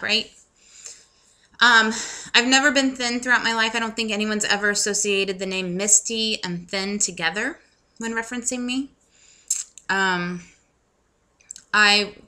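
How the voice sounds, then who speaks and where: An American woman in her thirties chats casually to camera in a personal vlog, using self-deprecating humor and lots of ums. Her voice is mid-range with a sharp tone.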